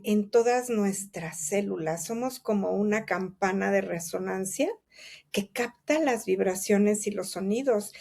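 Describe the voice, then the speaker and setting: Calm reflective woman speaker. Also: mid-range voice. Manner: calm, thoughtful, explains with many examples and rhetorical questions. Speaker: guest speaker. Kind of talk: reflective conversational interview.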